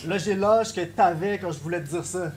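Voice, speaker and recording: A man's voice: high-pitched, moderate pace. A man with a Québécois French accent delivering taunting, punchline-driven rap battle verses. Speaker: battle rapper. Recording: noisy live event recording.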